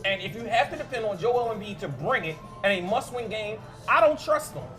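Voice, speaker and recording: A man's voice: sits high, lively intonation, a little fast, over music. A man co-hosting a live sports talk show, blunt and emphatic in his opinions. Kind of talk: casual sports debate.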